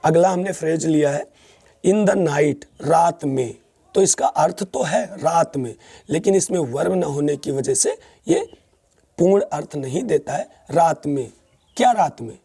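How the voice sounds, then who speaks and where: A man's voice: fairly high pitch, expressive, unhurried, creaky, mellow, slightly rough, dry recording. A man teaching English grammar in Hindi, mixing in English terms and asking and answering his own questions as he explains.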